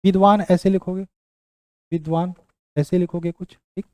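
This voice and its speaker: A man's voice: high-pitched, fairly even intonation, moderate pace, a little mellow, clean tone, no room sound, studio quality. A young man teaching an exam-prep lesson, repeating each word as he writes it out and checking in with his students. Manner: repeats words while writing them out, checks in with "ठीक".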